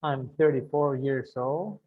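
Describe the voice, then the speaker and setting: A man in his thirties from Guatemala, an English teacher giving a bilingual beginner lesson and repeating phrases slowly for his students. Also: medium pitch, slight background noise. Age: 30s. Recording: tinny phone-like audio.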